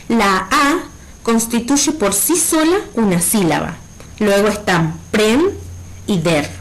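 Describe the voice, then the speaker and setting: A woman's voice: mid-range voice, low-quality recording. A woman primary school teacher giving a recorded virtual lesson, explaining patiently and checking in with her pupils.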